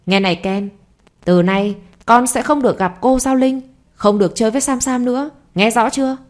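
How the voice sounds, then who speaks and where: A woman voicing a betrayed wife and mother in an audio story, delivering sharp, scolding outbursts. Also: fairly high pitch, moderate pace, natural voice. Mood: stern.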